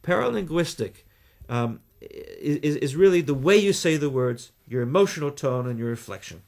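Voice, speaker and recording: A Canadian man talking as a guest in a radio interview, explaining things in a measured way with deliberate pauses. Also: a little high, lively intonation, a little mellow. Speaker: guest, communication trainer.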